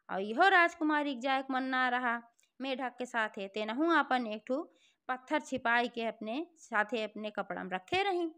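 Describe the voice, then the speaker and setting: A woman's voice: sits high, clear, resonant tone. A woman telling a devotional folk tale in a chatty, homely way, with a Bhojpuri-inflected accent. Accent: Bhojpuri-inflected Hindi. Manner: chatty, homely narration with filler address words. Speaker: storyteller.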